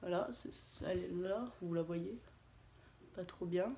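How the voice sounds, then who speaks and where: Her voice is fairly low and dark, her pace measured, with slight background noise in an echoey room. She's a beauty vlogger doing a casual haul and swatch video, chatting hesitantly through fillers and restarts while teasing herself.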